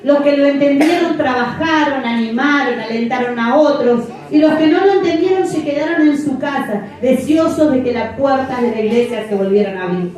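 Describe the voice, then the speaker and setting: A woman's voice: high voice, normal speed, hardly any pauses, darkish tone. A middle-aged woman pastor preaching a sermon, emphatic and repeating phrases for effect. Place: church. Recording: echoey church from far off.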